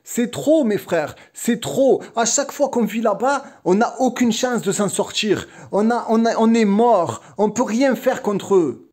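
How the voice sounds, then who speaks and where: Male vlogger, high voice, agitated and repetitive. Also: expressive, measured pace, hardly any pauses, a little mellow. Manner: agitated, repetitive, frequent restarts. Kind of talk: heated vlog monologue.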